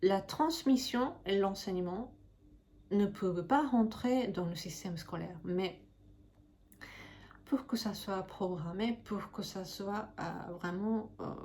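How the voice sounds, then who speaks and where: A woman's voice: medium pitch, warm tone. Hesitant woman vlogging, with background noise. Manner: hesitant, searching for words. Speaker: Reiki master teacher and channel host. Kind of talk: casual explanatory vlog to camera.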